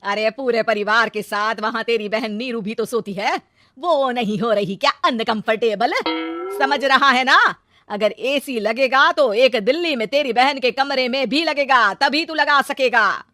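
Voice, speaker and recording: A woman's voice: a little high, moderate pace, a bit bright, dry recording, clean studio sound, close to an everyday voice. A woman voicing a stern older father who scolds his son, in a cartoon story. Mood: scolding.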